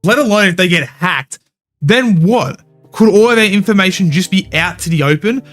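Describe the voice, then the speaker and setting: A man's voice: high-pitched, expressive, normal speed, a bit bright, faint music behind. A man hosting a gaming commentary channel, talking bluntly with opinions and casual swearing. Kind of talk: scripted video commentary.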